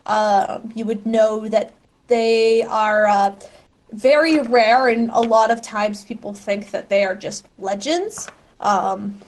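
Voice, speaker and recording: A woman game master narrating a tabletop game casually, halting and rephrasing as she thinks aloud. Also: a little high.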